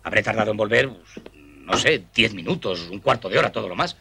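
An actor playing an indignant male lodger who accuses the house of theft, in a shrill, outraged voice with a gravelly, husky edge. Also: expressive, a little fast, bright, forceful tone, a little hiss or hum, exaggerated voice. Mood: accusing. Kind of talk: film dialogue.

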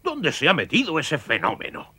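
A man's voice: on the high side, wildly swooping pitch, moderate pace, loud music behind the voice. A man playing a blustering, hot-tempered middle-aged cartoon sea captain. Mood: puzzled. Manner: blustering, exclamatory. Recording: loud soundtrack behind.

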